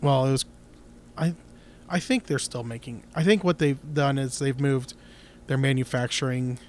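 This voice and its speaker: A man's voice: medium pitch, moderate pace, slight background noise. A man co-hosting a casual guitar podcast, talking in a rambling, opinionated way with many restarts. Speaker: podcast co-host. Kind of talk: casual chat.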